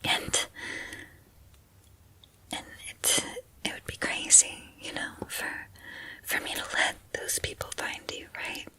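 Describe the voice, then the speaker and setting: A woman in a whispered role-play, voicing an obsessive, lovestruck female student turned captor who confides haltingly in a breathy whisper. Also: pushed and bright. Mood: quietly menacing. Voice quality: breathy whisper, mostly unvoiced. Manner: hesitant, halting, intimate confiding.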